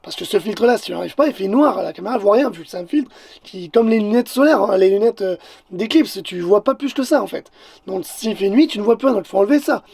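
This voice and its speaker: A man with a Québécois accent, a photographer talking casually to the viewer in an excitable vlog, often stammering and repeating words. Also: high-pitched, fast, gravelly, breathy edge. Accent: Québécois French. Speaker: photographer and vlogger.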